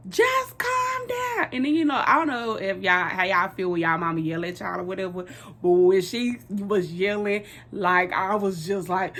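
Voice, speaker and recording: A woman's voice: lowish voice, a bit bright. A young woman, telling a personal story in a rambling, casual way with lots of fillers.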